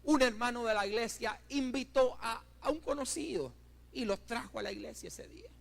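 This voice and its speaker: A high-voiced middle-aged pastor preaches in a church with fervent storytelling. He surges to loud, emphatic peaks and drops to hushed asides, constantly turning to the congregation as brothers. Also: lively intonation, normal speed, gravelly. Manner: keeps addressing the congregation as brothers. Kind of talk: sermon. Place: church building.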